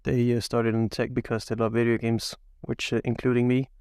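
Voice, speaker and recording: A young man who grew up in Belgium, co-hosting a casual podcast as a software engineer, talking haltingly with many fillers but with enthusiasm. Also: medium pitch, little pitch movement, smooth, no room sound, clean studio sound. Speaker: podcast co-host.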